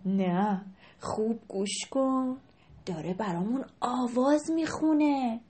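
A woman voicing a patient, cheerful father in a storybook reading, speaking slowly and reassuringly. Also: fairly high pitch, mellow, natural voice.

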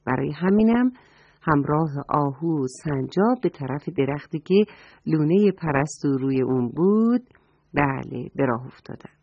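A woman's voice: low-pitched, lively intonation, no echo. A woman telling a children's story, speaking in a lilting way and addressing the children directly. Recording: dull dry recording, soft music.

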